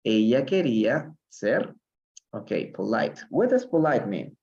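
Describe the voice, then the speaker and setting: A man teaching English in a live-streamed reading lesson, reading lines slowly and explaining them in Spanish. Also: lowish voice, big pitch swings, vocal fry, darkish tone. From Peru. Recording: dull lo-fi sound.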